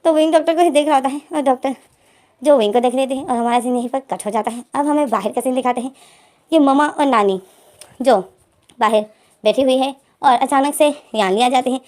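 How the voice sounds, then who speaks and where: A woman's voice: high voice, a little fast, darkish tone. A woman retelling a fan story casually, chaining lines with repeated fillers. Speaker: fanfiction storyteller.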